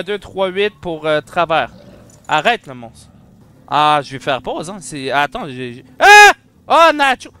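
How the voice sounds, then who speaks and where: A young man with a Quebec French accent, giving excitable commentary while playing a horror game and bantering with the monster. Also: a little high, clear, resonant tone. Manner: excitable, shouts and jokes at the monster. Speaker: let's play gamer.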